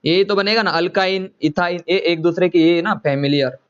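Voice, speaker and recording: A man's voice: high-pitched, normal speed, fairly bright tone, clean tone, dull audio. A man teaching a chemistry lecture to students, often repeating himself and coaxing them to answer. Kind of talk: classroom lecture.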